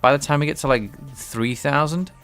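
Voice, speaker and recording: Somewhat high-pitched and fairly bright, this man's voice moves at a moderate pace over soft background music. He's a game developer streaming as he live-codes, casually explaining his game engine while thinking aloud, hesitant and prone to restarts. He's a bit nasal and congested from a cold.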